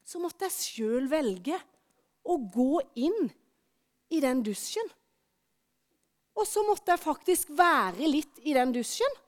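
High-voiced woman giving a children's sermon. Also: long pauses. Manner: lively storytelling, asks the audience questions. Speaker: preacher speaking to children and adults.

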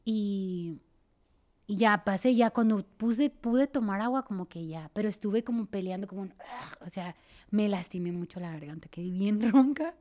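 A woman with a Mexican accent telling a personal story in a casual chat, sinking to a breathy near-whisper in tense parts and acting out others' voices. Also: normal speed. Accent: Mexican Spanish. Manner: animated, acts out quoted voices louder and higher.

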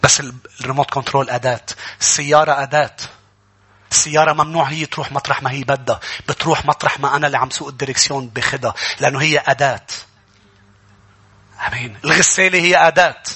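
Fast, forceful Lebanese preacher man. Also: medium pitch, steady tone, husky. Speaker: pastor. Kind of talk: sermon. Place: church before a congregation.

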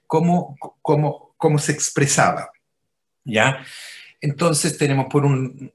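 A Chilean man, a physician, explaining his work patiently over a video call and often checking in with his listener. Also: mid-range voice. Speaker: physician interviewed as a guest.

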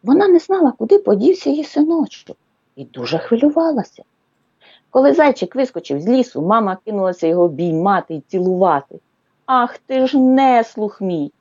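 A woman reading a children's story aloud as a radio guest, an expressive storyteller. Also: medium pitch, fast talker, husky, no room sound, highs cut off. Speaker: children's book reader, guest.

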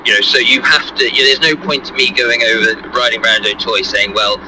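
A man's voice: mid-range voice, steady tone. Hesitant man interviewed outdoors. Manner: measured, hesitant, full of fillers. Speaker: experienced jockey and racing official. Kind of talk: interview answer. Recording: outdoor recording with background noise.

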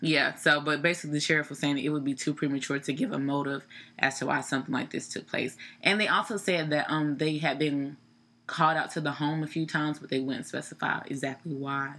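A woman co-hosting a casual podcast, chatty and quick to laugh, recounting a news story with many fillers. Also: low voice, steady tone, a bit bright, breathy edge. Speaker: podcast co-host. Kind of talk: casual chat.

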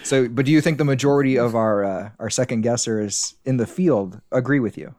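A man hosting a mock game show over a video call, playful and quick to laugh. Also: medium pitch, darkish tone.

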